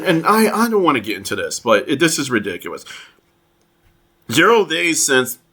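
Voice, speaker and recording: A man commenting on online posts, reading them aloud in a halting way with many fillers and restarts. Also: medium pitch, fairly bright tone. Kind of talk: casual commentary over screenshots.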